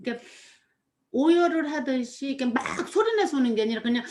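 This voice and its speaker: A woman with a fairly high voice talks casually, retelling a scene in a rambling way. She fills her speech with small repeated fillers, and her tone stays gentle and reflective. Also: lively intonation, fast, a little hiss or hum. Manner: rambling, full of "이렇게" fillers. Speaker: storyteller recounting a performance. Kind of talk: casual chat.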